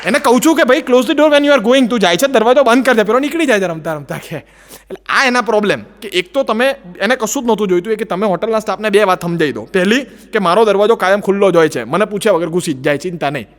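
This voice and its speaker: A man's voice: high-pitched, animated, fast, a faint crowd. A man with a Gujarati accent performing a stand-up comedy routine, telling stories with put-on voices and broken English.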